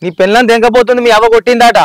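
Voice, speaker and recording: A man's voice: extremely high pitch, fairly even intonation, very fast, over music. A man with a Telangana accent playing an elderly village neighbor who fusses urgently and repeats himself. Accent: Telangana Telugu. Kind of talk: village comedy skit acting.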